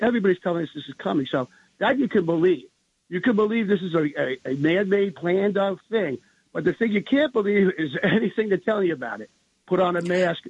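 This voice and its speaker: High, husky man over the phone. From New Jersey. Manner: rambling, conspiratorial, chuckling asides. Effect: heard over the phone. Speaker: radio call-in caller. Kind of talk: call-in talk radio. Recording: tinny phone line.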